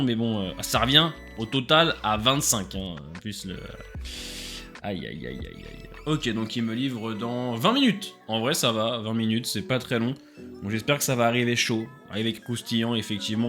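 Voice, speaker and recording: A man's voice: mid-range voice, a bit bright. Man in his late twenties, tired and chatty, self-mocking food vlogger, webcam sound, faint music behind. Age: late 20s. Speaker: food reviewer. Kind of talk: casual food-tasting vlog.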